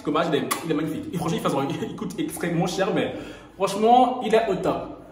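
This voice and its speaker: A man's voice: fast talker, slight background noise. Playful man in a very echoey bathroom. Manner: playful, laughing often, animated swings in pitch. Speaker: gossip YouTuber. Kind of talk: casual vlog chat. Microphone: camera or phone while doing skincare. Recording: very echoey room.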